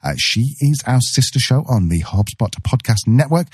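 A man's voice: medium pitch, sing-song, normal speed, darkish tone, slightly rough, no room sound, clean studio sound. A man co-hosting a podcast, with a nasal voice, bantering casually in a self-deprecating way. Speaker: podcast co-host. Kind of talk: casual show outro.

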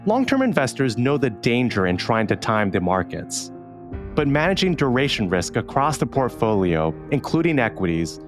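A man's voice: mid-range voice, very animated, normal speed. A man hosting a podcast, delivering scripted narration with music behind him. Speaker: podcast host. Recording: prominent music bed behind voice.

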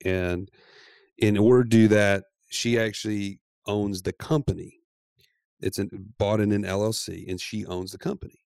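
A man co-hosting a podcast, telling stories in a lively, casual way and laughing often. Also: fairly low pitch, normal speed, creaky, clean tone, no room sound, studio quality. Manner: animated storyteller, laughs often. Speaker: podcast co-host. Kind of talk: casual chat.

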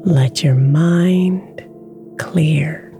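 A woman guiding a sleep meditation with affirmations, speaking softly and slipping into whispers, over soft music in the background. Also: deep voice. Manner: slow, soft-spoken, drifting into whispers. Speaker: meditation guide.

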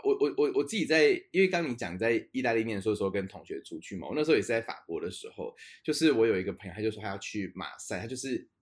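A young man co-hosting a podcast, telling a travel story in a lively way, laughing often and dropping in English words. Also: on the low side, racing, hardly any pauses. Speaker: podcast co-host. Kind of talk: casual chat, storytelling.

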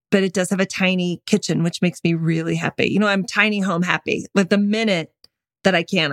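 A woman's voice: on the low side, no echo, studio quality. An American woman co-hosting a podcast in casual chat, with a playful, joking manner. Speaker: podcast co-host. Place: small bathroom in a forest cabin.

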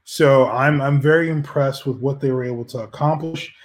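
A man's voice: medium pitch, steady tone, normal speed. A man co-hosting a casual chat, rambling and arguing his point with many restarts. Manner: rambling, argumentative, frequent restarts. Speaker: podcast co-host.

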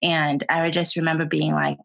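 Low gravelly woman chatting away on a video call, lots of likes and laughs. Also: level tone, moderate pace, a bit bright. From Sweden. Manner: chatty, laughs often, many fillers. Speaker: guest. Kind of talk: casual interview chat.

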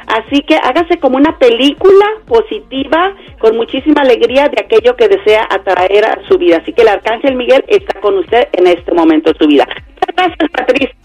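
Una mujer lectora de ángeles da consejos espirituales en la radio, con voz calmada y suave, y su línea telefónica se corta. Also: female voice, fairly high pitch. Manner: calm, soothing, addresses callers formally. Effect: phone line cutting out. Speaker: angel reader guest. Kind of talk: spiritual advice on call-in radio. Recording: muffled phone-line sound.

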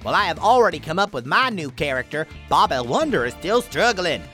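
A theatrical alien sidekick who believes he is the finest actor in the universe, voiced by a woman. He speaks in a grand, bossy way, with a bright tone and a pitch that swoops up and down. It is a lively children's audio drama character. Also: fairly quick, faint music behind. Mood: grandiose. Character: pompous alien sidekick who thinks he's a great actor.

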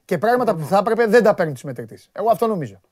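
Greek guy hosting sports chat, high voice, keeps asking questions, dry mic. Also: very animated, darkish tone, no room sound. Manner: chatty, questioning, interjects often. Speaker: podcast host. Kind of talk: casual sports talk.

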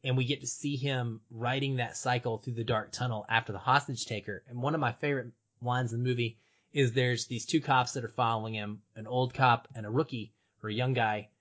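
A man's voice: mid-range voice, fairly even intonation, a little fast, a bit bright, dull audio. A man co-hosting a podcast, talking through a film in casual, enthusiastic analysis with earnest emphasis and frequent digressions. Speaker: podcast co-host.

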